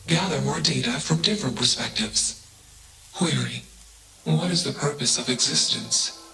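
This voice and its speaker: A man voicing an emotionless, coldly logical machine intelligence in a video game, speaking in flat, clipped statements that each begin with a label. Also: medium pitch, close to an everyday voice. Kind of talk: video game cutscene voice acting. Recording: echoey game audio over music.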